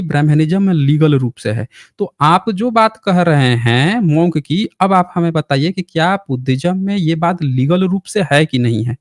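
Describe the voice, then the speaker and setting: A man's voice: high-pitched, no room sound, clean studio sound. A man hosting a heated live debate, arguing insistently and pressing his opponent with repeated pointed questions.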